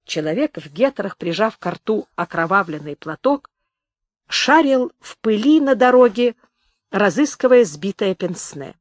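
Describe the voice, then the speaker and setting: A woman reading a memoir aloud as an audiobook narrator, expressive and measured. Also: mid-range voice, dry recording.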